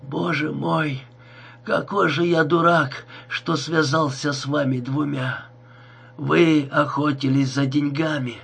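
A man reading an audiobook, voicing a stabbed young man who begs for help in a hoarse, choked voice with slow, gasping words. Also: a little high, steady tone, a bit bright, full character voice. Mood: desperate.

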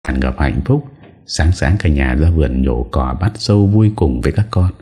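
Man, audiobook narrator, extremely deep voice, dark mellow tone, calm scripted storytelling. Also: normal speed.

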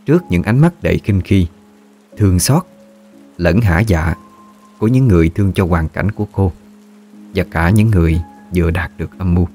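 A man narrating a scripted ghost story in a slow, measured way. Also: sits low, warm tone, soft background music.

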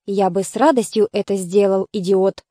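A woman's voice: mid-range voice, fairly even intonation, moderate pace, dark tone, dry recording, studio quality, natural voice. A woman reading the lines of a proud, angry male warrior who speaks sternly.

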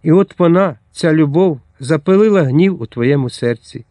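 A man's voice: fairly high pitch, animated, normal speed, mellow, no room sound, lightly acted. A man voicing an elderly abbot who speaks solemnly, like a preacher. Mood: preaching.

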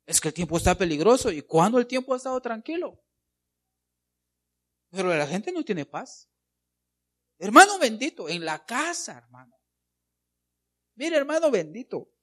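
Animated, emphatic male preacher. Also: sits high, normal speed, pauses often. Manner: emphatic, keeps addressing listeners as brother. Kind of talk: sermon.

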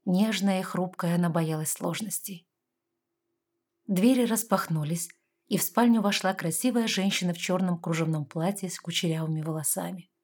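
A woman reading a fantasy novel aloud in a calm, even narration. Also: fairly low pitch, moderate pace, husky. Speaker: audiobook narrator.

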